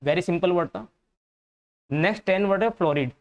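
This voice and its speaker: Teaching an English vocabulary class for exam candidates, a Hindi-accented man works through each answer patiently, saying key words and meanings more than once. He speaks fairly quickly in a high voice, and the audio is dull.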